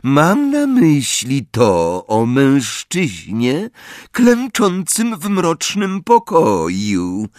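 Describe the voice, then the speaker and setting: Mężczyzna czytający jako Snape, zimny, groźny profesor. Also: male voice, fairly high pitch, huge pitch swings, no room sound, studio quality, voice pushed up, full character voice. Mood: cold menacing. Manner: quiet, slow, threatening, sneering. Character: cold, menacing male professor, adult.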